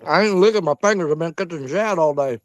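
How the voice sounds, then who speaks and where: Man, slightly high voice, Southern US drawl, folksy and casual fishing chat, dry outdoor sound. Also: fast, no room sound. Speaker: fishing vlogger. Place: outdoors on a small fishing boat.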